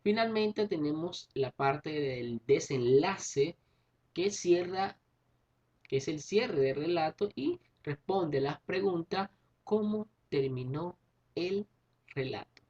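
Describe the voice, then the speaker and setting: A man's voice: fairly high pitch, animated, takes it slowly, darkish tone, muffled recording. A male teacher giving a recorded class lesson, explaining patiently, rephrasing himself and checking in with tag questions.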